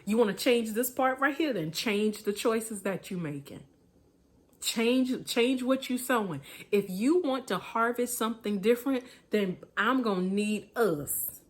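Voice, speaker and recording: A woman preaching casually about choices, talking colloquially, repeating herself and laughing at her own asides. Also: mid-range voice. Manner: colloquial, repetitive, laughs at herself, many restarts. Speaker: preacher, motivational speaker.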